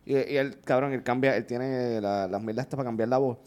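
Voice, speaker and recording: A man talks at a rapid clip in a dark, mellow voice. He tells stories with animation, swearing freely in a casual podcast chat. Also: medium pitch. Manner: animated storytelling, swears often. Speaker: podcast co-host.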